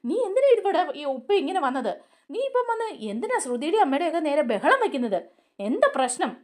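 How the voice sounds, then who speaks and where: A concerned elder sister pressing for answers, voiced by a woman storyteller. High-pitched with animated swings. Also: fast talker.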